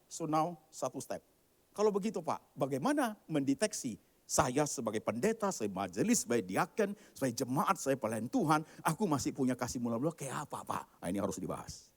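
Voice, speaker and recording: A male pastor delivering a live sermon, swinging from quiet asides to loud, emphatic declarations and slipping English words into casual speech. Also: medium pitch, sing-song, a little fast.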